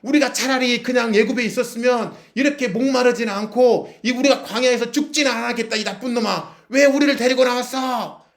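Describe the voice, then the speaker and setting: A man acting out an angry crowd of desert wanderers who shout accusations at their leader. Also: a little fast. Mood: furious. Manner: shouting, accusing, high-pitched outburst.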